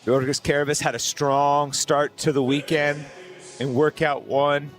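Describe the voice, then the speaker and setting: A man's voice: a little high, level tone, measured pace, faint music behind. A man giving analytical sports commentary on athletes and their past form.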